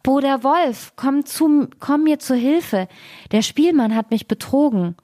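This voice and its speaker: A woman's voice: medium pitch, animated, moderate pace, darkish tone, dry recording, clean studio sound, natural voice. A woman reading a fairy tale, voicing a male fox who pleads and wails in a raised voice. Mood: wailing.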